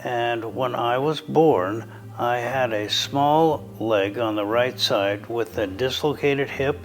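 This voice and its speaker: Calm guy, a surgeon, talks real slow and measured, mid-pitched voice. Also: soft background music, rough recording. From United States. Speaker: orthopedic surgeon. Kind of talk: interview recollection.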